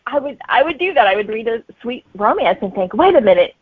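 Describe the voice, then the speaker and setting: Speaking fast with a fairly high, widely swinging pitch, this middle-aged woman has a slightly rough voice and no echo around her. She's a romantic suspense author appearing as an interview guest, telling stories and musing aloud. It sounds like a thin, phone-like, band-limited connection.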